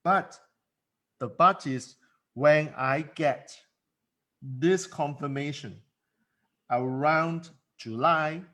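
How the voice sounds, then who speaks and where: A man whose first language isn't English delivers a solo motivational monologue as a coach, emphatic and prone to repeating words. His voice is mid-range and a bit bright.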